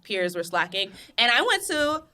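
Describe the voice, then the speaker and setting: A young woman chemist, talking in a casual interview, animated and emphatic with frequent laughs and restarts. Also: mid-range voice, normal speed, crowd noise. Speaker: guest, cosmetic chemist.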